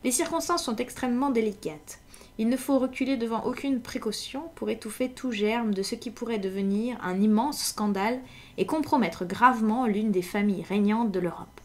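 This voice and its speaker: A woman's voice: a little high, normal speed, natural voice. A woman reading aloud in French, voicing a stern, secretive nobleman in a formal tone, in her own plain voice. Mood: grave. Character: imposing, secretive masked nobleman, stern and grave.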